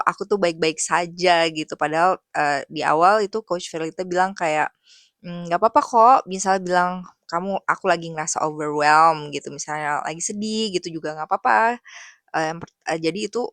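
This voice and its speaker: A young adult woman, an English teacher, sharing thoughts in a casual, reflective monologue, soft-spoken and hesitant with many fillers. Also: lowish voice, normal speed, no room sound.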